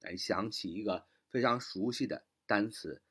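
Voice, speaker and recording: Husky man teaching vocabulary, spelling slowly. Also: fairly low pitch, a bit bright. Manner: spells words letter by letter, slowly repeats words; frequent filler "啊" and "那么". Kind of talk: online vocabulary lesson.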